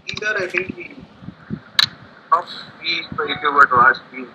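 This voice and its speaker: Heard through a laptop speaker on a call, this man's voice sits a little high and moves a little slowly. He is giving a client testimonial, hesitant and thinking aloud with many restarts. The call audio is muffled and lo-fi, with noise in the background.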